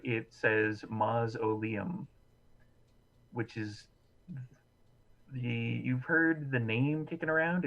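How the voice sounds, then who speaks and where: A man narrating a live tabletop game as game master, relaxed and quick to laugh. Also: mid-range voice, muffled recording.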